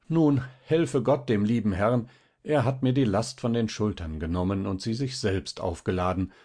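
A man's voice: lowish voice, darkish tone, slightly rough. A man voicing a poor, distressed peasant mother who pleads in a tearful, whining way.

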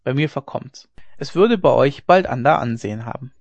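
A man voicing a sly, rough male vagabond horse seller with a wheedling, cunning manner, on a dry, dull lo-fi recording. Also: mid-range voice, lively intonation, normal speed, no echo.

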